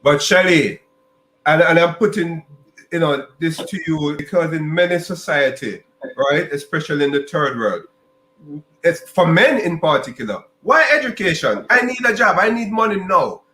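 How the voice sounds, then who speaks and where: A man from Jamaica, hosting a podcast interview and talking in halting bursts with restarts and repeated words. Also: on the high side, expressive, sharp tone, roomy sound, rough recording. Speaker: podcast host.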